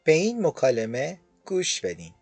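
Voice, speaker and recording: A man teaching a language lesson, addressing his listeners directly in a friendly way and slowly repeating words to show how they are pronounced. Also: a little high, wildly swooping pitch, darkish tone, breathy edge, dry recording, faint music behind.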